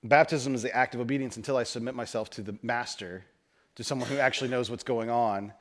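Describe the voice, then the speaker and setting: A man preaching a conversational sermon, mixing folksy stories and self-deprecating humor, rising to loud emphasis and dropping to quiet asides. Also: medium pitch, fairly even intonation, fast talker. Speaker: pastor.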